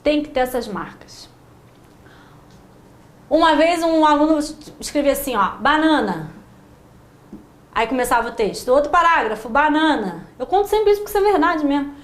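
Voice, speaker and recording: High-voiced Brazilian woman teaching, roomy echo. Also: fast talker, hardly any pauses. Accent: Brazilian Portuguese. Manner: lively, acts out students' questions in mocking voices. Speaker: writing teacher. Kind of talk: classroom lecture.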